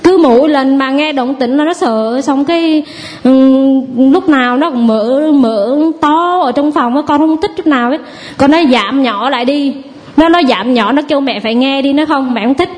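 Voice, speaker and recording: A woman's voice: high voice, normal speed. A woman in her thirties, a mother from the audience, nervously sharing a personal testimony and quoting her family in a chatty way. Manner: chatty storytelling, acts out family quotes. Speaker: audience member giving testimony.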